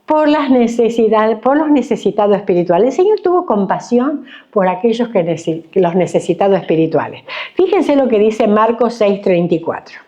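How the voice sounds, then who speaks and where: A woman teaching a sermon at a church women's conference, animated, often acting out everyday complaints and asking her listeners questions. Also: medium pitch, normal speed. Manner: animated, acts out complaining voices, asks the audience questions.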